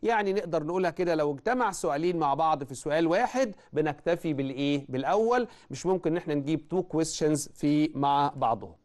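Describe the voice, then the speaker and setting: High-pitched Egyptian male teacher, recorded lesson, asks and answers his own questions, reads examples word by word. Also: animated, darkish tone. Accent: Egyptian Arabic. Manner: asks himself questions and answers them, spells out example words slowly. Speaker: English teacher. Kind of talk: recorded classroom grammar lesson.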